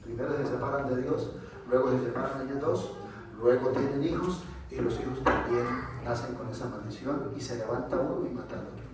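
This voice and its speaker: Colombian pastor preaching in an echoey church. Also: male voice, medium pitch, fairly quick, noisy background. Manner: preaching with frequent amens and questions to the congregation. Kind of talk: sermon. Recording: echoey church hall, mic far off.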